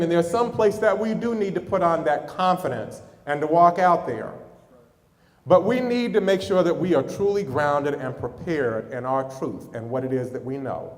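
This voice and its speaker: A middle-aged man who is a pastor, preaching a sermon and telling stories to his congregation. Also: high voice. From United States. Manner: storytelling preacher, speaks to the congregation with chuckles. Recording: long hall reverb.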